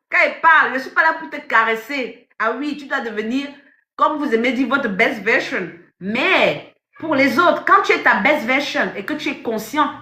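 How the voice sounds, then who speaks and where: A woman coach talks on a phone live stream, emphatic and direct, circling back to the same phrases again and again. Her voice is fairly high and bright. The room around her rings with echo. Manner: emphatic, repeats phrases, addresses viewers directly. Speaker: life coach. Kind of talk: live-stream motivational talk.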